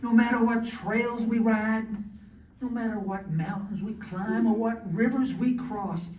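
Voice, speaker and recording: A man's voice: high-pitched, steady tone, a little slow, a little mellow, dull audio. A folksy old prospector acted by a man drawls plainly through a comic Western sketch. He is a dreamer of the Old West, heard from a distance in a roomy space. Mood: folksy, wistful. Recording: roomy, distant mic, faint noise.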